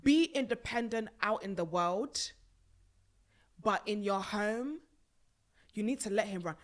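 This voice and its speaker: A young woman hosts a podcast from a small, purple-lit studio set, sitting on a sofa and speaking into a studio mic on a boom arm. She reviews a reality show in casual, emphatic chat, speaking a little slowly and breaking into bursts of laughter.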